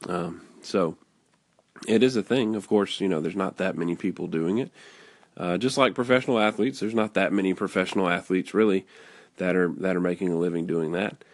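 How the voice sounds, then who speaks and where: A man hosting a casual podcast, talking in a nasal, raspy voice, rambling with fillers and restarts. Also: low-pitched, a little fast. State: hoarse. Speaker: podcast host. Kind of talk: casual solo talk.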